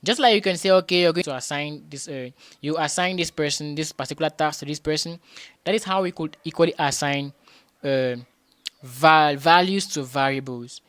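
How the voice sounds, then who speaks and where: A man tutoring beginners in programming, patiently repeating each point and often pausing with hesitations and restarts. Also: fairly high pitch, fairly bright tone, clean tone, dry recording. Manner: patient and repetitive, restates points with rhetorical questions.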